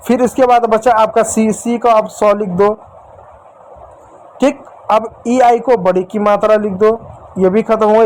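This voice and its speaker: High-voiced man teaching English spelling. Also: a little mellow, slight background noise, poor audio. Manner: repetitive, asks and answers own questions; addresses viewers as dear children. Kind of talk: whiteboard spelling lesson.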